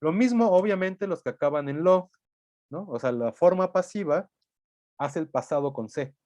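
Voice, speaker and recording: A man gives a recorded lecture in a fairly high voice. The sound is dry and close, with no room around it. He explains patiently, thinking aloud and tagging his points with quick questions. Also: expressive, darkish tone, no room sound.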